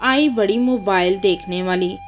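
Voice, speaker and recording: A woman voicing a rude, sharp-tongued young wife in a read-aloud story, speaking curtly and mockingly. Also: medium pitch, unhurried, faint music behind, voice pushed down, close to an everyday voice. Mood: snappish. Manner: curt and mocking.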